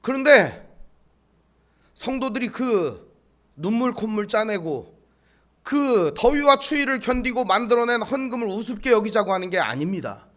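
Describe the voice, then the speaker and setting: A male pastor delivers a sermon in a strikingly high, bright voice. His pitch leaps and swoops as he tells lively stories and throws rhetorical questions at the congregation. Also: moderate pace. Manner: animated storytelling with rhetorical questions. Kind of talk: sermon with storytelling.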